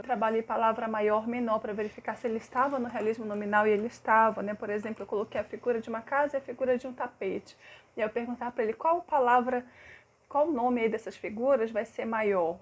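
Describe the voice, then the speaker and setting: Brazilian woman, literacy teacher, fairly high voice, explanatory, drawn-out syllables. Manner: explanatory, stretches words slowly to model syllables and vowel sounds. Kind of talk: recounting a classroom case study.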